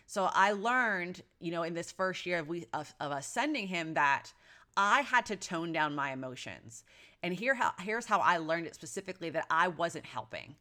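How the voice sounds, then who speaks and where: A woman in her thirties speaks with a bright, forceful tone pitched a little low. She tells a personal story as a mother in an earnest, reflective way, stopping to restart her sentences and filling gaps with "you know.". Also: animated, moderate pace. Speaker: mother sharing parenting experience.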